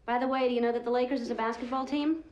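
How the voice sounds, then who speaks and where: An actress playing a quick, practical woman who takes charge of planning a baby. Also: a little high, fairly even intonation, a little mellow, highs cut off, natural voice. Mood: exasperated. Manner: brisk, bossy, laughing on the phone.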